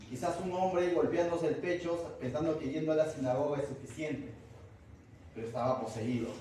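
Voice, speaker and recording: Pastor from Peru, high voice, chatty Bible teaching; captured far off in a booming church hall. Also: male voice, dark tone, slight background noise. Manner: conversational, asks the congregation questions. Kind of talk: verse-by-verse Bible study sermon.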